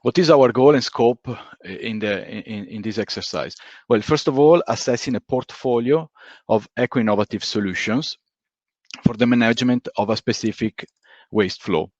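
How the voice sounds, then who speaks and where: Heard through a recorded online video call, a man with a medium-pitched, darkish voice gives a methodical, explanatory conference presentation at a moderate pace. The recording is dry, with dull lo-fi call audio.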